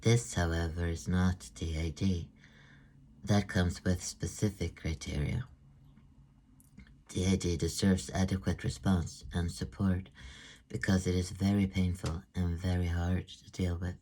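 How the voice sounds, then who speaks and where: A middle-aged man presents his book as an author, reading in a measured, even way. His voice sits low and stays flat in its melody. The tone is dark and mellow. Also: slight background noise. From Sweden. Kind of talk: read-aloud book presentation.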